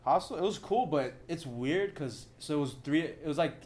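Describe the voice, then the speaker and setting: A man's voice: fairly high pitch, animated, normal speed, darkish tone. A young man from Southern California, co-hosting a podcast in loose, profane, filler-heavy casual chat. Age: young adult. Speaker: podcast co-host.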